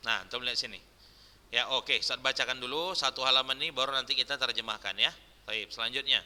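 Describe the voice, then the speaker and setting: A man teaching an Arabic grammar lesson, dictating slowly and correcting pronunciation over and over. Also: medium pitch, sharp tone, long reverb tail. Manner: slow, drawn-out dictation with repeated corrections. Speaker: Islamic teacher.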